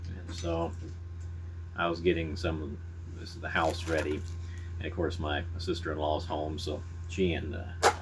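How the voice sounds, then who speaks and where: A middle-aged man chatting casually to viewers in a folksy, unhurried, halting way. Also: a bass voice, level tone, noisy background. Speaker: pipe-smoking vlogger. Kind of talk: casual rambling chat to viewers.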